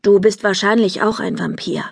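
A woman voicing a serious, gentle father in a children's audiobook, speaking low and earnestly. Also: normal speed, gravelly, slightly rough, no echo, clean studio sound.

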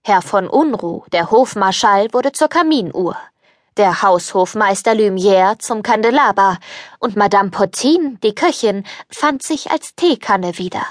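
A woman reading a children's fairy-tale audiobook in a calm, measured way, into a studio microphone. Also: mid-range voice, no room sound. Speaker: audiobook narrator.

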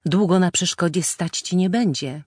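A woman narrator voicing a gentle, devoted young wife who speaks in soft, old-fashioned formal phrases. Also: lowish voice, normal speed, breathy edge, dry recording, clean studio sound, pitched above the performer's own voice. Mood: hopeful.

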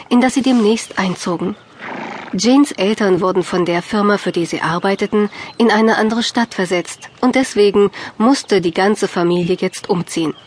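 In a mid-range voice, a woman reads a scripted children's audiobook, telling the story at a measured pace with clear phrasing.

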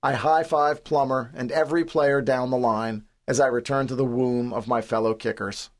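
A man in his forties from the New York City area reads his own memoir in a studio, with a mid-pitched voice. His delivery is wry and understated, poking fun at himself. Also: steady tone, normal speed. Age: 40s. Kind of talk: scripted audiobook narration.

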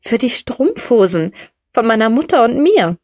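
A woman's voice: a little high, big pitch swings, normal speed, a little mellow, dry recording, clean studio sound, pitched above the performer's own voice. A woman voicing a curious young woman who is short on money and asks many questions. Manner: inquisitive, surprised questions.

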